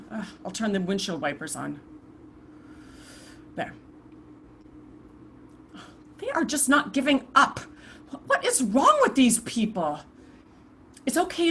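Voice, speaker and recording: The restless, defiant ghost of a slain civil rights volunteer, played by a woman in a stage monologue. She speaks slowly and haltingly, sighing between broken phrases. A faint hiss sits under her voice on a video call mic. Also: mid-range voice. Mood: anxious. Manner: halting, reflective, with sighs and trailing restarts. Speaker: stage actor performing a monologue. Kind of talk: theatrical monologue. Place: indoors at home, performing over a video call. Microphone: video call computer mic.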